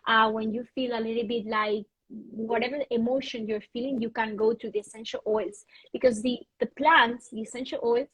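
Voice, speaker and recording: A woman's voice: on the high side, fairly even intonation, normal speed, a bit bright, husky, dry recording, dull audio. A woman guest on a video-call interview, explaining her wellness program in an earnest, passionate way. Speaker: guest, wellness retreat host. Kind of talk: interview conversation.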